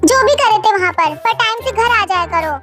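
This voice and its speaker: A young woman plays a blunt, hot-headed young woman who scolds in a very high, thin voice. Soft music plays underneath the storybook reading. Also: animated, fairly quick. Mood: scolding. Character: short-tempered young woman, sharp-tongued. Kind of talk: storybook voice acting. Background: faint background music.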